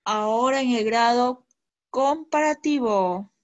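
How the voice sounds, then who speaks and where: A woman's voice: on the high side, takes it slowly, no echo, muffled recording. A woman teaching an online class to schoolchildren, patient and encouraging, checking often that they follow.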